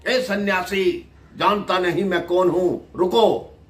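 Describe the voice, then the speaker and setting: Guy doing a cruel bandit chief, slow drawn-out threats, bit high. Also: close to an everyday voice. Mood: menacing. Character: fierce cruel male bandit chief, menacing.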